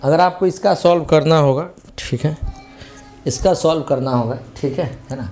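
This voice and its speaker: A man's voice: on the high side, moderate pace, a little mellow, faint music behind. A man teaching an online exam-prep lesson in a chatty, conversational way, mixing English words into his Hindi and repeating tag phrases.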